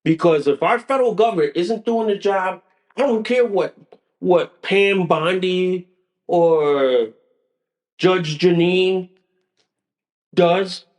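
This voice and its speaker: Man, high voice, angry solo podcast rant, cursing, repeats himself. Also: slow pace, pauses often, darkish tone. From United States. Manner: angry, repetitive, stumbling restarts, profane. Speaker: podcast host.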